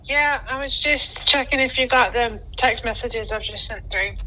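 Bright-voiced woman over the phone. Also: a little high, moderate pace, rough recording. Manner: friendly and chatty. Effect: heard over a phone on speaker. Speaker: caller. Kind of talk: casual phone chat.

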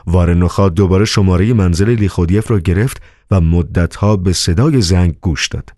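A man narrating an audiobook novel in an expressive, dramatic reading manner. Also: deep voice, no room sound, clean studio sound.

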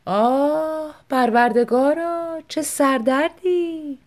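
A high, loud, moaning voice of a sickly wife around fifty, as a woman narrator puts her on. She complains in a slow, self-pitying whine throughout this audiobook story. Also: lively intonation. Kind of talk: audiobook reading.

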